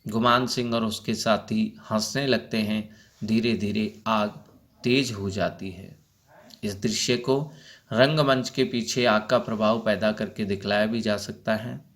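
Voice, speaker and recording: A male teacher reads a school play aloud, narrating the action and explaining the stage directions. His voice sits low and he takes it slowly. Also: steady tone, fairly bright tone. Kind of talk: reading a play aloud for a class.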